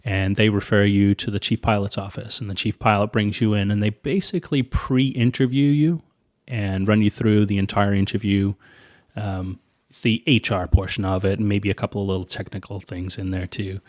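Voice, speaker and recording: Northern Irish man, pilot guest, lower register, animated raconteur who mimics others. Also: normal speed. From Northern Ireland. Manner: animated storyteller, acts out quoted voices with big pitch jumps. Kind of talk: casual interview storytelling.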